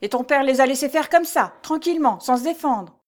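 A woman's voice: high voice, animated, fairly quick, voice pushed up. A woman playing a blustering little steward. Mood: furious. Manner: loud, barking, peremptory. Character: short, blustering male steward, harsh. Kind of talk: storybook reading.

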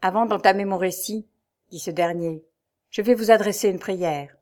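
A woman voicing a haunted middle-aged nobleman who speaks in a sombre, halting way, in an audiobook reading. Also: mid-range voice, darkish tone, natural voice. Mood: grave.

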